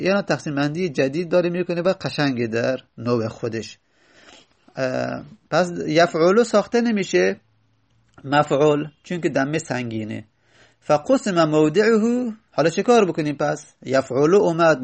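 Gravelly-voiced man explaining grammar. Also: fairly high pitch. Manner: reads a text line, then explains it; asks and answers his own questions. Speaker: teacher. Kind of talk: teaching Arabic grammar from a classical text.

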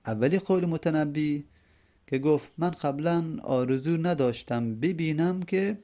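A man's voice: on the high side, mellow. A man teaching a lecture on classical poetry, explaining each verse line by line and asking his listeners rhetorical questions.

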